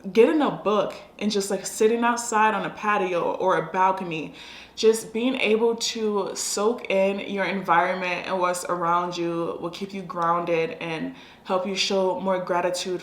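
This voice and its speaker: An American woman giving casual lifestyle advice in a chatty, conversational vlog style. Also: fairly low pitch. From United States. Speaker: lifestyle vlogger. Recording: echoey room sound.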